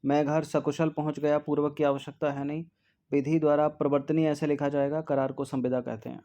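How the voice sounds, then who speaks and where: A male tutor working through exam spelling questions, slowly repeating each word and checking answers with frequent "ठीक है". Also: fairly high pitch, flat delivery, dark tone. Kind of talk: test-series answer walkthrough.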